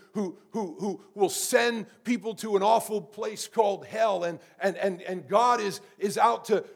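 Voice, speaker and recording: A man preaching a sermon to a congregation. He keeps asking them how many know, and he repeats words as he builds up. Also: vocal fry. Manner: rises in pitch and volume to preach with force. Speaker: pastor.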